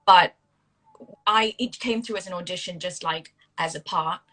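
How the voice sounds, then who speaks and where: A bright, fairly low-pitched woman in her thirties, from Singapore, talking as an interview guest. She chats loosely and full of fillers and restarts, circling back as she explains. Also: normal speed, rough recording. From India, raised in Singapore. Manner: chatty, with many fillers and restarts. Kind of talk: casual interview over a phone call.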